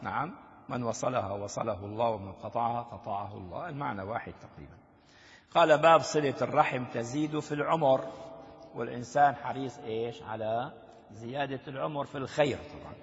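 Older sheikh teaching with gravelly voice. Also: male voice, mid-range voice. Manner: explains slowly, quizzes listeners with rhetorical questions. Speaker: sheikh teaching a hadith text. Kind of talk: classroom commentary on a classical text. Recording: lo-fi recording with long reverb in a hall.

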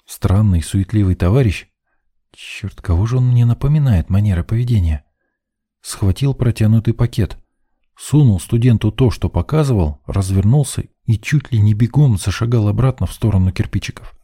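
A man reading a first-person audiobook story in a very dark, mellow voice that sits on the low side. His storytelling is dry and ironic, with scripted narration throughout. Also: normal speed, husky.

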